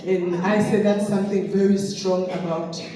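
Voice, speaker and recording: A woman's voice: medium pitch, steady tone, moderate pace, dark tone. A middle-aged woman from Tanzania, giving an anecdotal personal testimony as a guest speaker and laughing often. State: recovering from a sore throat. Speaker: guest speaker, business distributor. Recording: echoey hall from far off.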